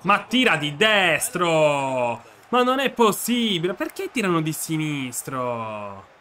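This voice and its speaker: A young man with a dry, sore throat, commentating on his own football video game match, muttering one moment and shouting the next. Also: on the high side, sing-song, takes it slowly. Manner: swings from muttering to shouting at goals. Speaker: gaming video creator.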